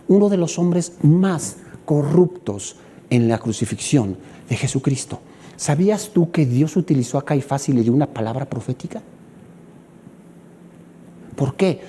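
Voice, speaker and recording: A middle-aged Mexican pastor preaches with animation, acting out scenes and posing rhetorical questions in Mexican Spanish. His voice is medium in pitch, with a slight hiss or hum on the audio.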